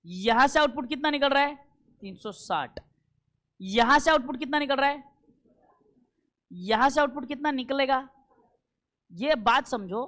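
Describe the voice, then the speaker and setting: A man teaching a classroom lecture, emphatic and repetitive, often checking that students follow and slowing down for key English terms. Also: very high-pitched, lively intonation, bright, forceful tone. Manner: emphatic, repeats points and keeps checking understanding.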